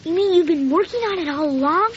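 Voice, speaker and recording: In a slightly dull radio drama recording, a woman plays a shy, earnest schoolboy who stammers and hesitates. She speaks at an extremely high pitch, quick and with lively intonation, over a faint hiss or hum.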